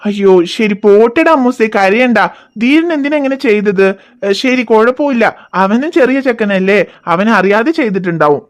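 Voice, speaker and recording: Woman voicing a gentle cartoon dad. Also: on the high side, animated, normal speed, natural voice. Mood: soothing. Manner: soothing, coaxing, reassuring. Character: gentle patient father, soothing. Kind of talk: cartoon voice acting.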